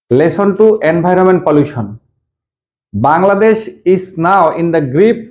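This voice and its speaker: A man's voice: a little high, darkish tone, highs cut off. A man from Bangladesh teaching an English lesson in Bengali, explaining the text word by word, repeating meanings and asking his students questions.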